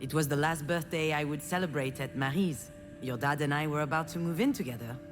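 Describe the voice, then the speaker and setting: Brisk and low-voiced, close to an everyday way of talking, an actress narrates over music as a visual novel's protagonist. The character is a frustrated woman who runs herself down and recounts her family wounds in a bitter, confiding, regretful first-person monologue.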